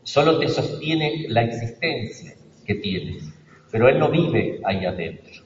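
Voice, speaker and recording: A priest from Argentina giving a sermon, preaching emphatically with sudden loud stresses and hushed asides. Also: male voice, mid-range voice, big pitch swings, unhurried. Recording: distant roomy church recording, dull sound, faint noise.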